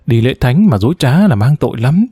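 A man's voice: mid-range voice, big pitch swings, fairly quick, warm tone, slightly rough, no echo, clean studio sound. A man voicing a coaxing young woman. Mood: wheedling. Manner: sweet, pleading, chatty. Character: coaxing, wheedling young woman, the adopted sister.

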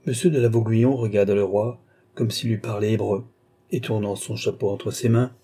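A male audiobook narrator with a mellow, darkish voice and a faint husk. He reads in a measured, even storytelling manner. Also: lowish voice, husky.

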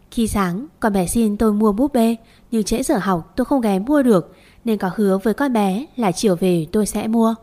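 A woman narrating a first-person story, gentle and coaxing when speaking to a child. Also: mid-range voice.

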